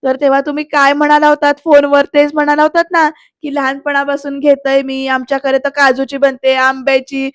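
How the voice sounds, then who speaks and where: A woman's voice: sits high, monotone, brisk, no room sound, studio quality, close to an everyday voice. A woman reading the lines of a flustered young man who keeps pleading with a lady he calls madam, in a worried, pleading manner. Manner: pleading, anxious, repeats "madam".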